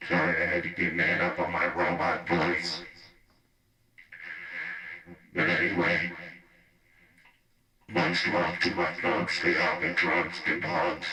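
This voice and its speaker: A man's voice: low-pitched, sharp tone, reverberant, full character voice. Man doing a rambling robot-voiced alter ego. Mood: goofy. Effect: robot voice filter. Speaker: livestream host. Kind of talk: half-rapped livestream rambling.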